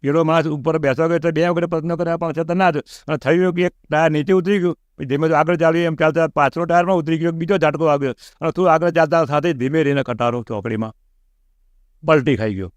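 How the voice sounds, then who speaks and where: A middle-aged man tells a personal pilgrimage story as an interview guest. He talks quickly and animatedly, and he acts out quoted lines with a raised voice. The sound is close and dry. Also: fairly high pitch, steady tone, dry recording.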